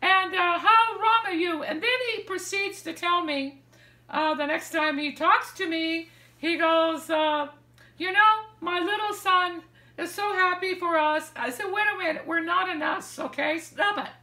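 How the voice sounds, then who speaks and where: An older woman with a very high, bright voice tells a story unhurriedly and animatedly, acting out quoted lines with hand gestures. She's a vlogger sharing dating advice, talking casually to camera while seated in an armchair in her living room. The room sounds echoey.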